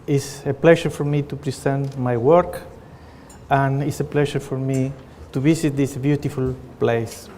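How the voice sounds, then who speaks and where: A man's voice: medium pitch, fairly even intonation, a little slow, dark tone, a little hiss or hum. Chilean-accented man lecturing in a hall. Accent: Chilean Spanish. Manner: earnest, with frequent fillers and restarts. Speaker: pathologist presenting research. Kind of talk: conference presentation. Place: conference hall. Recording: reverberant conference hall.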